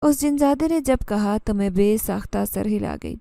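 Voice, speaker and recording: Mellow-voiced woman narrating a horror story. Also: medium pitch, vocal fry, no room sound. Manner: steady, storytelling delivery. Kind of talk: scripted first-person horror narration.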